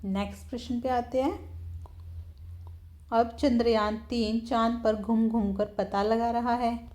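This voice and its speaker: A woman teacher, patiently explaining a textbook lesson to young children, often slowing down to repeat words. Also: on the high side, steady tone, darkish tone. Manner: patient, repeats words slowly, keeps saying "theek hai".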